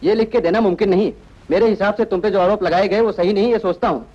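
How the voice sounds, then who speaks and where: A stern, dutiful police inspector who speaks quickly and formally. His voice sits high for a man. The sound is dull and lo-fi, as in an old dubbed film. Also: fairly even intonation, darkish tone. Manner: firm, formal. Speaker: police officer. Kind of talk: Hindi film dubbing.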